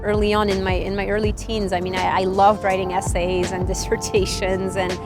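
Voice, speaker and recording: A French-speaking Swiss woman in her 30s, a tech reporter, gives a reflective documentary interview over soft music. Her mid-range voice is brisk with a flat delivery.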